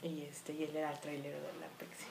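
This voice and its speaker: A woman with a Mexico City accent talks through her work in a relaxed interview, lively and quick to fall back on fillers. Her voice sits a little low for a woman. The small room rings with a roomy echo. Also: creaky. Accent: Mexico City Spanish. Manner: lively storytelling with frequent fillers. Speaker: funeral director and embalmer. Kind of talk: casual interview.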